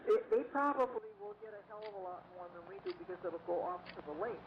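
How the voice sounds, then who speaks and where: A man heard over a landline phone, his voice thin and boxed in with a steady hiss behind it. He chats casually in a highish voice, stopping and restarting often with lots of hesitation. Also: gravelly, highs cut off. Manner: halting, many "uh"s and restarts. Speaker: caller on a home phone call.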